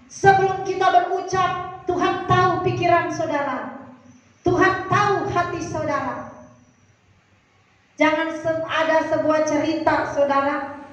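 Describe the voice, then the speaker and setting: A woman pastor preaches with a very high, sing-song cadence, telling a story and acting out its characters for the congregation. Her voice rings through a large, echoing church hall. It is picked up from a distance and sounds dull. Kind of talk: sermon.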